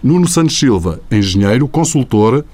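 A man, the reporter, reading scripted report narration in a measured way. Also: medium pitch, lively intonation, darkish tone, slight background noise.

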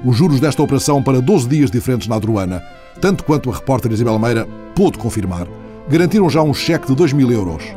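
A man's voice: mid-range voice, sing-song, quick pace, dark tone. A man with a European Portuguese accent reading a scripted introduction as a radio news presenter. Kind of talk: scripted narration. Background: music bed.

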